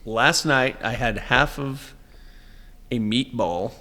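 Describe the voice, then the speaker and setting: A man's voice: mid-range voice, slow, pushed and bright, in a large hall. A man in his thirties co-hosting a casual podcast, playful and enthusiastic. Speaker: podcast co-host. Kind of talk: casual chat.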